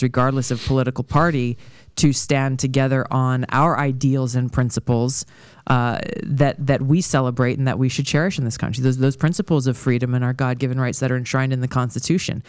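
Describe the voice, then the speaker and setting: A man speaking as a podcast guest on politics, measured, with hesitant restarts before long points. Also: medium pitch, clear, resonant tone, dry recording, clean studio sound. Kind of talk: political discussion.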